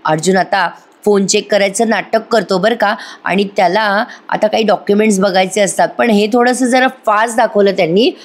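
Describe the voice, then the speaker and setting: A woman narrating a lively voice-over recap of a TV serial episode, acting out each character's lines. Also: medium pitch, moderate pace, few pauses. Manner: lively storytelling, acts out every character's lines. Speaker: TV serial reviewer.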